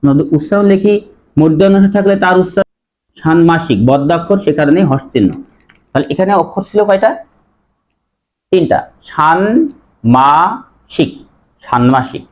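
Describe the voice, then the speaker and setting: A man teaching a pronunciation lesson, repeating each word slowly and putting questions to his students. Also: high-pitched, dark tone.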